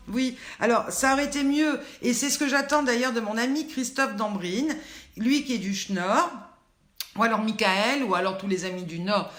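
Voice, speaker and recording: A woman's voice: fairly high pitch, a bit bright. An older woman with a Southern French accent hosts a casual live cooking chat, joking and talking straight to her viewers by name. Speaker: online show host. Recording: roomy echo.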